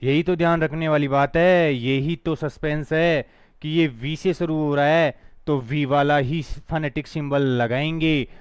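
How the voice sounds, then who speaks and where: A man leads a phonetics lesson in a firm, teacherly way. He breaks words down slowly letter by letter and pushes listeners to repeat after him. His voice sits a little high and comes through smooth and dry, close to the mic. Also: steady tone, no room sound. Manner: drills words slowly, spelling them out letter by letter; firm, teacherly, urges students to repeat along. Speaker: spoken English teacher.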